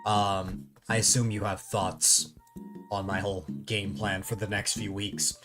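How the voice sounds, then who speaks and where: A man's voice: on the low side, little pitch movement, a little slow. A young male streamer chatting casually in voice chat, hesitant and full of ums. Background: music.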